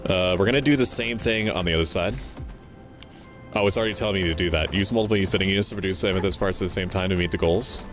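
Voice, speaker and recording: A man's voice: deep voice, fast talker, soft background music. A man livestreaming a game, thinking aloud in casual commentary with a playful, sweary manner. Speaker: livestreamer, VTuber. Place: indoor livestream setup with game music behind.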